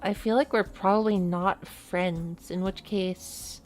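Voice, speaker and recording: Over soft background music, a female VTuber chats while playing a game, rambling casually and leaning on lots of "like" fillers. She speaks slowly in a steady tone at a medium pitch.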